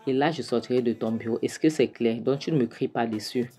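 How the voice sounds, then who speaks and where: A woman voicing a cocky, washed-up man who rambles and defies his former friend, in a low voice. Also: a little fast, dark tone, faint music behind. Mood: defiant, rambling. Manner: rambling, defiant. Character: cocky washed-up man lounging where he shouldn't.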